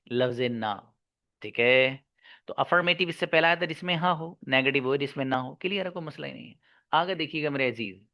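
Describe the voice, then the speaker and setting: A man with a mid-range voice teaches an online English grammar lesson, asking his students questions and answering them himself. He repeats key words and draws out English example sentences slowly, and the recording is dry and muffled.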